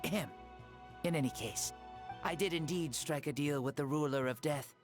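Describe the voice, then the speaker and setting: In a game, an actor voices an ancient male hero spirit who has borrowed a boy's body, playing him as breezy, easygoing, and playfully self-mocking. His voice is a little high and close to everyday speech, at a moderate pace. Music runs beneath the game audio.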